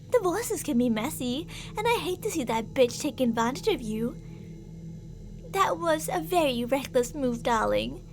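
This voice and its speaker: Disappointed and jealously angry, a woman's high voice delivers a sweetly menacing ASMR roleplay as a delusional, obsessive stalker. Her theatrical lines swing between volatile endearments and jealous reproaches over a slight hiss or hum.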